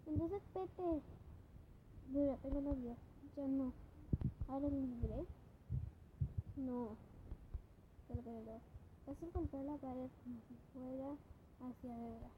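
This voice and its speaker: A woman reading her own fan story aloud and acting out the characters, swinging between loud lines and hushed whispers. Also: high-pitched, narrow, tinny audio, noisy background.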